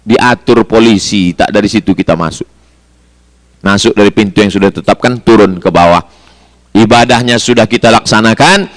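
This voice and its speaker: A man's voice: mid-range voice, a bit bright. A man preaching a sermon to pilgrims, mixing storytelling with chanted Arabic phrases and rising, emphatic lists. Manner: chanting Arabic phrases in a sing-song melody.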